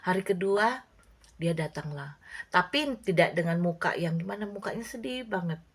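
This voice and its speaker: A woman with a somewhat low voice tells a devotional story in a relaxed, chatty way. She slips into the characters' voices as she goes, and her tone stays warm and conversational. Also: moderate pace, breathy edge. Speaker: online devotional speaker.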